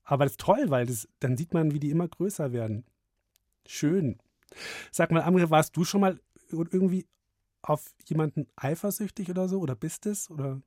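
Low-voiced, chatty woman radio host. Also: normal speed, dark tone, dry recording, clean studio sound. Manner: chatty and encouraging with callers. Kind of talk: children's radio call-in chat.

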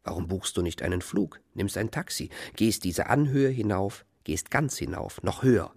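A man reading scripted documentary narration in a calm, measured, contemplative way. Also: low voice, vocal fry, husky.

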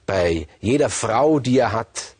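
A man retelling a Greek myth in a lively, conversational way with emphatic asides. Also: mid-range voice, takes it slowly, husky, no echo. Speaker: storyteller. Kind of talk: freely told myth narration.

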